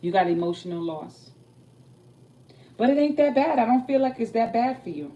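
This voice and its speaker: A woman's voice: on the high side, moderate pace, dull audio. A young adult woman giving a tarot reading and chatting about her night in a casual, streetwise way. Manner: chatty, streetwise, animated when telling stories. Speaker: tarot reader. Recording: voice a bit far from the mic, faint background noise.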